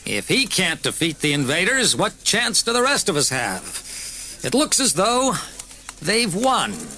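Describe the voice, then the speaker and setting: A man's voice: sits high, huge pitch swings, unhurried, pushed and bright, voice pushed up, exaggerated voice. A man voicing a gloomy male newspaper editor in a raised, despairing tone in an audiobook. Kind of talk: audiobook character voice.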